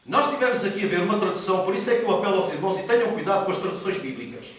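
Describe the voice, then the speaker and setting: A man preaches with emphatic repetition, asking the congregation questions as he goes. His voice sits high for a man. It rings out through a very echoey church hall, picked up from a distance by the mic. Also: animated, racing. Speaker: pastor. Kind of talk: sermon.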